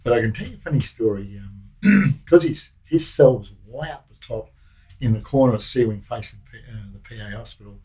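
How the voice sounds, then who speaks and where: An older Australian former prison officer recalling stories in a loose, rambling way with plenty of restarts. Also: male voice, medium pitch, animated, a little fast, a little mellow, low-quality recording. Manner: rambling, broken anecdotes with many restarts. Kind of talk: casual recollection.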